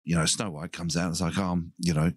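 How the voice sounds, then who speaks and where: A man co-hosting a podcast, telling a childhood story in an animated way and breaking into laughing shouts. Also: low voice, fast, dry recording. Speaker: podcast co-host. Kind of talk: casual storytelling chat.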